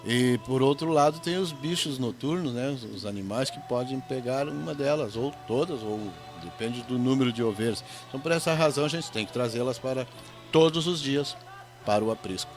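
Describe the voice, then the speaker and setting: A middle-aged man with a gaúcho Brazilian accent, speaking as a guest on a radio interview. He tells stories in a folksy, joking way. His voice sits at an ordinary pitch, with faint music underneath. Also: fairly quick. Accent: Gaúcho Brazilian Portuguese. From Rio Grande do Sul, Brazil. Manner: folksy storytelling with jokes. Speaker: evangelist guest.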